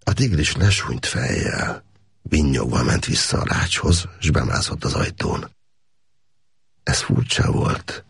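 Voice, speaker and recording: A man narrating an audiobook in a steady, expressive reading voice. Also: very deep voice, vocal fry, husky, no room sound, studio quality.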